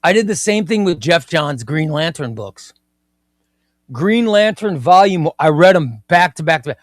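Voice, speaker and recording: Here a comic book livestream host in his fifties goes through viewer comments with casual enthusiasm and plenty of repetition. He speaks with a fairly high, expressive voice, a little slowly, in a dry, clean studio recording.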